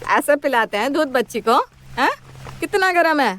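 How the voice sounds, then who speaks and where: A woman voicing a bossy, sharp-tongued elderly mother-in-law in a storybook cartoon. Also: high-pitched, expressive, normal speed, pitched above the performer's own voice. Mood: scolding.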